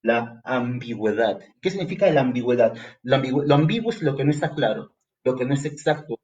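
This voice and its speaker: Speaking fairly fast at a medium pitch, a Peruvian-accented man runs a grammar lesson aimed at entrance exams, though the recording has its highs cut off. He addresses the student directly with lively energy and now and then performs the student's questions himself.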